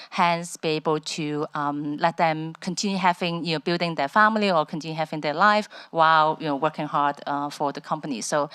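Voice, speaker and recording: Low, smooth-voiced woman. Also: a bit bright. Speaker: panelist, entrepreneur. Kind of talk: panel talk, personal account.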